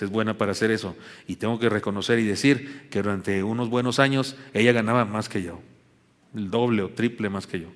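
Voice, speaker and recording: Pastor guy joking his way thru a sermon, big church echo. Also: mid-range voice. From Chihuahua, Mexico. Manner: folksy storytelling with self-mocking humor. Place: church sanctuary. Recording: long hall reverb in church.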